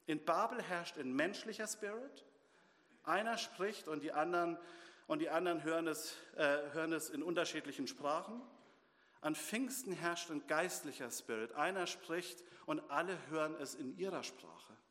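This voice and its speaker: A man delivers a sermon as pastor, firing off rhetorical questions and answering them in the same breath. His voice sits somewhat high, and the hall carries a long reverb behind him. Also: normal speed, a bit bright.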